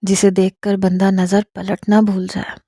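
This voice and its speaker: A flattering young man with a persuasive way of talking, as a woman narrator voices him. The voice is mellow and sits at a middle pitch. It is recorded close and dry for a storybook reading. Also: slightly rough, no room sound.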